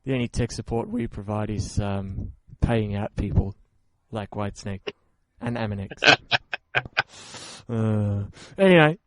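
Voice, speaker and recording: A man's voice: fairly low pitch, unhurried, dry recording. A man hosting an online radio show, signing off in a playful, rambling, joking way. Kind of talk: casual show sign-off chat.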